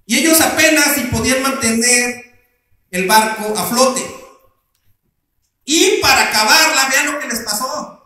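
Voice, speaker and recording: A man's voice: very high-pitched, unhurried, pauses often, pushed and bright. A male pastor preaching a sermon, putting questions to the congregation and answering them himself. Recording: very echoey room.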